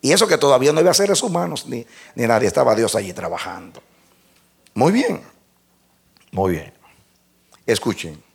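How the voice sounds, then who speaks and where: A male preacher delivers an animated sermon, swinging between loud exclamations and hushed asides and acting out his talks with God. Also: mid-range voice, moderate pace, vocal fry, long pauses, slightly rough. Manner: acts out conversations with God.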